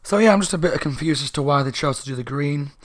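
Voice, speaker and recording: A man's voice: fairly high pitch, quick pace. A man giving a casual, slightly drunk book review, rambling and correcting himself. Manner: rambling, tipsy, self-correcting.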